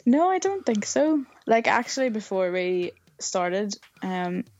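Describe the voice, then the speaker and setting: A woman's voice: mid-range voice, big pitch swings, slow pace, darkish tone, highs cut off. A woman with a broad Northern Irish accent, chatting casually and encouragingly as a self-deprecating podcast guest. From Northern Ireland. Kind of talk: casual chat.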